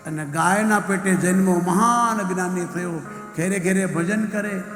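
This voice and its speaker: A man's voice: sits high, unhurried. Man, preacher, from Gujarat, emphatic and exhorting, echoey hall, faint music. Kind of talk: sermon storytelling. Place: temple hall.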